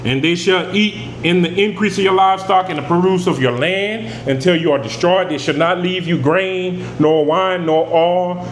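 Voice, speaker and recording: Here a high-voiced preacher keeps a moderate pace and barely pauses as he reads scripture and explains it in straightforward, emphatic speech. Air conditioning hums in the echoey room.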